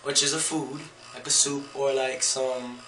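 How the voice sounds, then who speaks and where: A relaxed man with a Californian accent chats through a casual vlog, slangy and loose, with plenty of ums and you-knows. His voice is bright and forward. It rings a little in an echoey room. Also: medium pitch, unhurried, a little hiss or hum. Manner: laid-back, slangy, many fillers. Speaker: vlogger.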